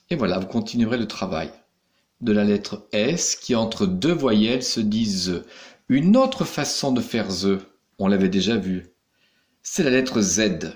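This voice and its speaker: A man's voice: on the low side, darkish tone. A man teaching young pupils in a recorded lesson, patiently explaining each step. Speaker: primary school teacher.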